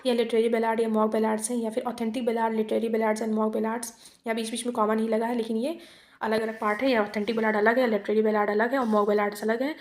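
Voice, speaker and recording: A woman teacher works through exam multiple-choice questions, reading each one out slowly in English and then switching to quick Hindi explanations. Her voice sits fairly high and stays flat, with little rise and fall. The room gives it a noticeable echo. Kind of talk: exam quiz lesson.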